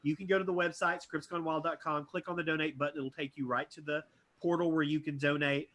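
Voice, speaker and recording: A man's voice: a little high, fairly even intonation, fast talker, a bit bright. A man hosting a live script reading over a video call, reading the stage directions aloud and then wrapping up with jokes and announcements. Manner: upbeat, jokey, many fillers.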